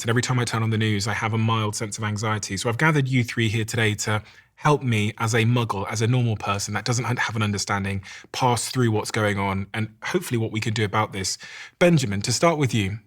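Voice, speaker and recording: Podcast host guy, lowish voice, reads stats slow and careful. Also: a bit bright. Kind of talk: interview opening with statistics.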